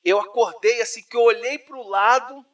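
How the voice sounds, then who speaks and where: A Brazilian man with a fairly high voice tells a personal story to an interviewer. He is animated and slangy, and the mic sits some way off from him. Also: normal speed, far from the mic. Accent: Brazilian Portuguese. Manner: animated storyteller, says "cara" often. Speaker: interview guest. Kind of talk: personal testimony, casual conversation.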